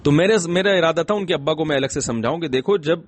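Husky-voiced man giving a gentle religious talk. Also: on the high side. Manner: gentle, humorous storytelling with rhetorical questions. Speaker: Islamic scholar.

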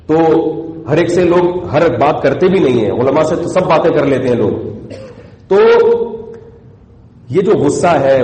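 A man's voice: medium pitch, dark tone. A man, a cleric, gives a sermon in a conversational way, often asking the audience rhetorical questions. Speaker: Islamic cleric. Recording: echoey hall with long reverb.

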